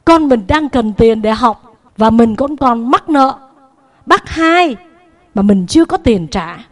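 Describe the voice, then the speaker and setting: A worried poor farm wife and mother, insistent and urgent, pressing her husband in a spoken moral tale, as a woman preacher acts her out. Her voice is fairly high and pushes forward. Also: lively intonation, slow pace.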